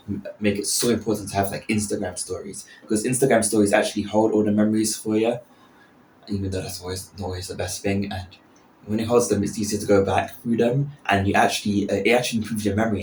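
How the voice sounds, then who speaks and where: This early-twenties podcast host talks fast in a fairly low, darkish voice with fairly even intonation. He rambles casually and unscripted, often interrupting himself. The recording comes from a small indoor bathroom, echoing, with some background noise.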